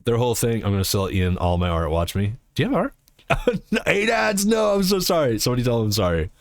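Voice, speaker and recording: A man's voice: mid-range voice, a little fast, creaky, no room sound, clean studio sound. A man streaming live, chatting casually and answering his chat in a rambling, swearing way.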